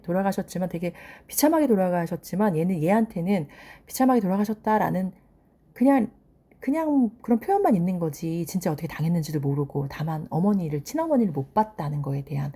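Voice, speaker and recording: Woman chatting through a drama recap, lively retelling, warm low voice. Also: slightly rough. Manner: animated retelling, commenting on characters. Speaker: drama reviewer.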